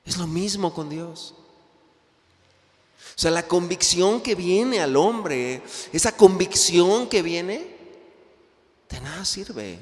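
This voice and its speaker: Casting: preacher, lively pitch, slow deliberate delivery, echoing hall. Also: male voice. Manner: emphatic, swinging from loud exhortation to hushed. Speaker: pastor. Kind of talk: sermon. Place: rented event hall used as church. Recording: reverberant hall.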